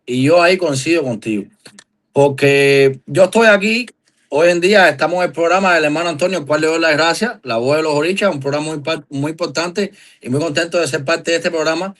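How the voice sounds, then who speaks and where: A Cuban man with a fairly high-pitched voice, talking as a guest on a live stream. He speaks earnestly and with emphasis, stacking up long questions. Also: a little fast, a bit bright. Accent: Cuban Spanish. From Cuba.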